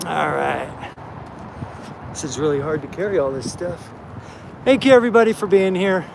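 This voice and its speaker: A man's voice: on the high side, normal speed, gravelly. A man hosting a casual live stream, talking to his chat in an upbeat way while walking outdoors with a handheld phone. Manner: upbeat, talks straight to chat. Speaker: livestream host. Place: outdoors at a truck stop parking lot. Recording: phone audio with loud outdoor noise. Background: vehicle and outdoor noise.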